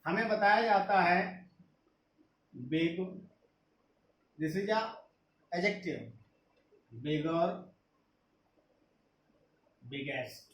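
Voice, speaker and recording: A man with an Indian English accent, teaching an English grammar lesson slowly, repeating each point. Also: sits high, expressive. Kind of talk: slow classroom explanation, mixing Hindi and English. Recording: echoey room with faint noise.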